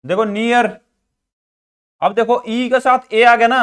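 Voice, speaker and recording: Male teacher, high voice, lecturing students, poses questions and answers them. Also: steady tone, slow, fairly bright tone, smooth. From Haryana, India. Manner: repeats questions and answers them himself, frequent "ठीक है भाई". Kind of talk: classroom lecture explaining English pronunciation.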